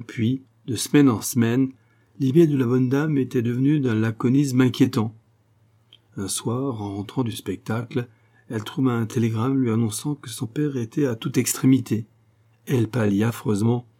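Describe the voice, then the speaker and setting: Warm-voiced male audiobook narrator. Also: medium pitch. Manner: measured, expressive literary reading. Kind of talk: scripted narration of a novel.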